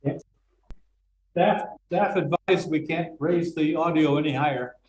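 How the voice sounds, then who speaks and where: A man's voice: on the high side, unhurried, darkish tone. A man chairing a board meeting in a plain procedural manner, his voice muffled like speaking inside a fishbowl. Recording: muffled echoey boardroom audio, faint noise.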